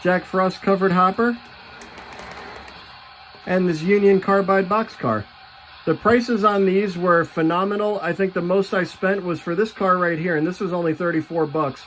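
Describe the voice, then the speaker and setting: Casual young man, high voice, enthusiastic collector chatting through his haul. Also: fairly even intonation, moderate pace, fairly bright tone, soft background music. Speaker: model train vlogger. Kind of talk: casual show-and-tell vlog.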